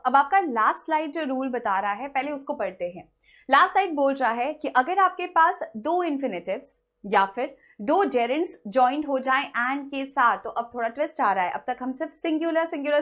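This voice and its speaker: Her voice sits high and a bit bright as she teaches English grammar in an online lecture. Speaking Hindi mixed with English, the woman asks questions, answers them herself, and reads example sentences slowly.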